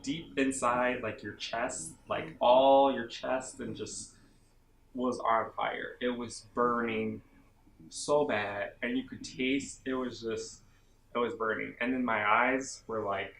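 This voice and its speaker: A man's voice: mid-range voice, takes it slowly. A young man vlogging about his basic training, telling the story casually and a bit dramatically, with lots of "like" fillers. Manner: animated, self-dramatizing, many "like" fillers. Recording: echoey room, faint background hum.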